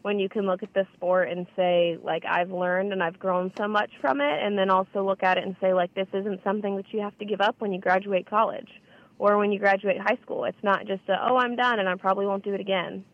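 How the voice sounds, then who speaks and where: A woman's voice: medium pitch, fairly even intonation, brisk. A woman chatting casually as a radio interview guest, earnest and encouraging, on a dull lo-fi line. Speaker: radio show guest, junior golf organization representative.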